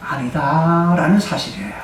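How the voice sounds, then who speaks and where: A man's voice: on the high side, expressive, moderate pace, a little hiss or hum. A male pastor preaching a sermon, emphatic, asking and answering his own questions. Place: church sanctuary. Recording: echoey church hall, distant mic.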